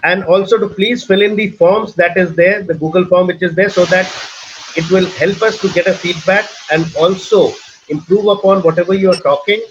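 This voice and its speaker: A man's voice: sits high, steady tone, moderate pace, a little hiss or hum. A middle-aged man with an Indian accent, hosting a webinar and giving earnest advice, often restarting and repeating his points. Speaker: webinar host and trainer. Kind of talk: casual teaching talk in a webinar. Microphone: video call. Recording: muffled online call audio.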